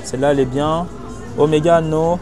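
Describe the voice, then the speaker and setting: A man's voice: a little high, fairly even intonation, fairly quick. A man talking casually to his viewers in informal, slangy French while thinking aloud, recorded candidly on a hidden mic as he shops. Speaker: vlogger reviewing market goods to viewers. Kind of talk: casual spoken vlog, addressing viewers. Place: busy market stalls, recorded on location. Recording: hidden mic on location, music behind.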